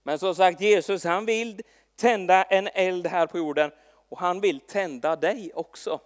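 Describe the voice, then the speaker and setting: A man preaching a sermon with a notably high voice, telling stories in a lively way and often restarting his sentences. His words ring with the long reverb of a large hall. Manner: lively storytelling with frequent restarts and stumbles.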